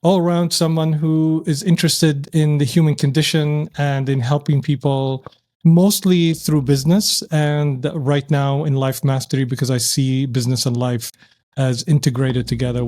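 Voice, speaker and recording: A man's voice: medium pitch, level tone, moderate pace, a little mellow. A man from Syria, an entrepreneur, speaking reflectively as a podcast guest, often restarting his sentences. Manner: reflective, thoughtful, with frequent restarts. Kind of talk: casual interview.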